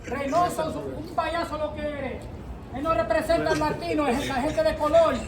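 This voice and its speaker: A man in his fifties from New York, heckling at an outdoor rally, shouting and repeating taunts in English and Spanish. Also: very high-pitched, fairly even intonation, fairly quick, creaky. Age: 50s. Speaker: street protester. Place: outdoors by a city building. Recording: crowd and street noise. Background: crowd, traffic.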